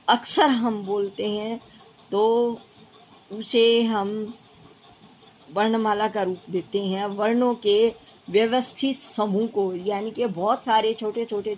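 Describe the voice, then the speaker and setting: Slow, patient Haryanvi Hindi teacher woman. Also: medium pitch, a little mellow, poor audio. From India. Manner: slow, patient, repeats key terms. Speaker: primary school teacher. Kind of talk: classroom lesson explanation.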